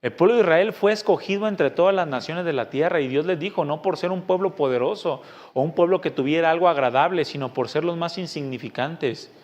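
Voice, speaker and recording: Pastor preaching in an echoing hall. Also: male voice, on the high side, a little fast, dull audio. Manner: emphatic preaching, with sudden loud rhetorical questions and quiet asides. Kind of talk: sermon. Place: church meeting hall. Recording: long reverb from a church hall.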